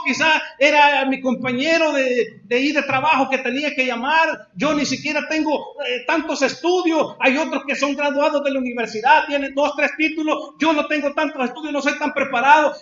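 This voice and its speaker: A Salvadoran preacher voices a distraught, impulsive fisherman apostle who spills out halting self-reproach in a high, raised voice. The sound is echoey and dull, like a lo-fi church recording. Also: steady tone. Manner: rapid halting self-reproach, near shouting.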